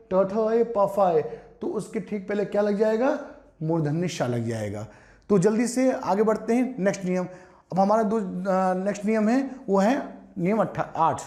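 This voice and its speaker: A man's voice: sits high, a little mellow. A man teaching an exam-prep Hindi spelling lesson, explaining patiently, repeating words and asking his students rhetorical questions.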